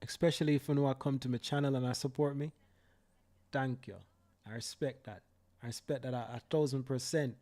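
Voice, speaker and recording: This young adult Jamaican man speaks fairly quickly in a dark, mid-range voice with fairly even intonation. Hosting a live stream, he fires off profane, heated commentary and keeps repeating himself for emphasis.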